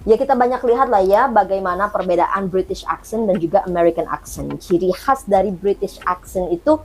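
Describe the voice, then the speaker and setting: A woman in casual chat, explaining and sounding out words slowly. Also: medium pitch. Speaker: co-host.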